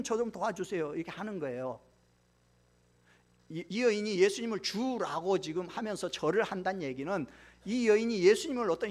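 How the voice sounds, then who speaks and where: A male pastor preaching a Sunday sermon in church, emphatic, acting out the pleas of the people in the story. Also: high-pitched. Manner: emphatic, acts out biblical speakers' pleas. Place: church sanctuary.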